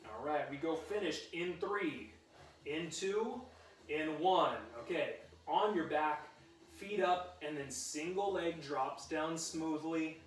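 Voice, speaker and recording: Man, workout coach, high pitched, cheerful encouraging cues, echoey room. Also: takes it slowly, faint music behind. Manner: upbeat, encouraging, joking. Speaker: fitness instructor. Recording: roomy sound, mic at a distance.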